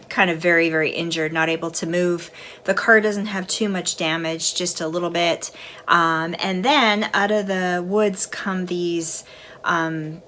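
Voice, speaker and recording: A middle-aged woman with a somewhat low voice hosts her own movie review channel. She talks in a relaxed, chatty way, nibbling on snacks between thoughts as she walks through a film's plot. A faint hum of room sound sits behind her. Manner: chatty and relaxed, eating snacks while talking. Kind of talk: casual chat and film recap.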